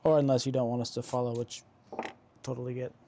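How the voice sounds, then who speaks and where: Male stream host, mid-range voice, dark mellow tone, joking casual banter. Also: medium pitch, flat delivery, fast, a little hiss or hum. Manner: playful, joking with chat viewers; reads viewer chat aloud and answers it. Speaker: electronics repair livestream host. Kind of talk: casual livestream chat while working.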